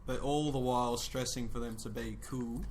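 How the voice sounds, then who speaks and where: A man's voice: mid-range voice, fairly even intonation, moderate pace, darkish tone, a little hiss or hum. An Australian man co-hosting a casual chat, joking and needling, sometimes mock-serious. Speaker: podcast co-host.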